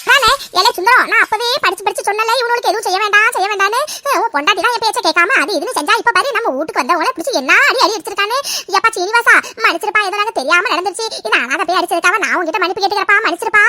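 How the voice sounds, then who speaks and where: A woman voicing a shrill, scolding old grandmother in a cartoon, wailing and cursing. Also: very fast, few pauses, pushed and bright, no room sound.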